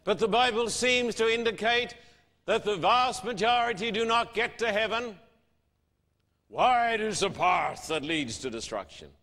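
A man's voice: high voice, lively intonation, a little slow, pushed and bright. A man preaching a sermon, emphatic and fond of rhetorical questions. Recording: long hall reverb.

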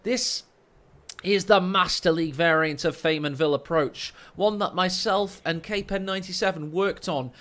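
At a moderate pace, a man with a deep voice provides live commentary on a strategy game from a desk mic in a small home room. He jokes around and gets excited, building up as the action heats up. Game sound effects, gunfire and ambience play beneath him.

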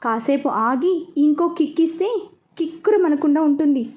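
Spiteful young man in an audio story, slow mocking asides, read by a woman. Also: sits high, lively intonation, a little mellow. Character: scheming young man, spiteful toward cousin.

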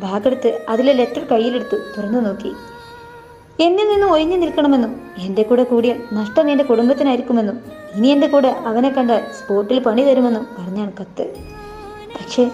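A woman reading a novel aloud in the first person, voicing every part herself in a plain, unhurried way. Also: high-pitched, dark tone. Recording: dull lo-fi voice with faint music.

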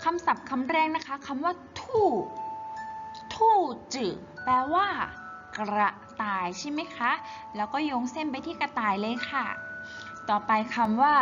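A woman teaching Chinese in a slow, patient worksheet walkthrough, repeating each syllable clearly. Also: sits high, expressive, music in the background. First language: Thai. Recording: slightly dull, faint hiss.

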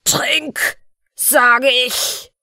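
A woman's voice: fairly high pitch, lively intonation, very slow, a little mellow, no room sound, clean studio sound, pitched above the performer's own voice. A woman voicing a cruel, mocking tyrant king who bellows his orders. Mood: furious. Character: cruel loud-mouthed male tyrant king.

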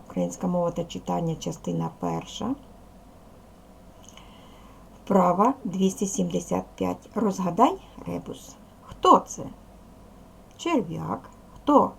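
A middle-aged woman teaching young children in a video lesson, explaining slowly and clearly with patience. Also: on the low side, a little hiss or hum. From Ukraine. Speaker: primary school teacher.

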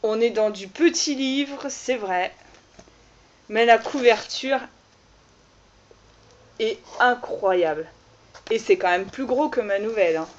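A woman's voice: a little high, takes it slowly, pauses often. Chatty woman vlogger, dull lo-fi sound. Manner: chatty, many fillers like "voilà" and "euh". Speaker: author unboxing her own book. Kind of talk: casual vlog chat.

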